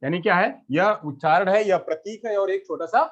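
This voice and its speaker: A man's voice: high voice, a little fast. A male teacher giving a lecture, asking questions and answering them himself, with lots of repetition. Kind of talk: classroom lecture. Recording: lo-fi muffled recording.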